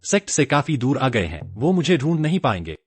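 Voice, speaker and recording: A man voices a young sect disciple in a dubbed fantasy drama, cowardly but cheeky. His voice swoops up and down lively as he frets. The sound is close and dry. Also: medium pitch, brisk, breathy edge, no echo, soft background music. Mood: anxious. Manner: jittery, stammering when scared.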